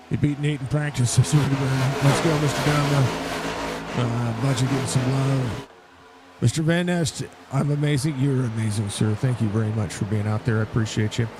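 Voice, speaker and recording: Male sim race caller, average pitch, informal and talkative, speaking through a barely opening post-surgery mouth, clear engine noise behind. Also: normal speed, pauses often. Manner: chatty, addresses viewers and drivers directly. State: mouth barely opens after facial surgery, slightly impaired speech. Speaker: sim racing commentator. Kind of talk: casual live race commentary. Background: race car engine noise.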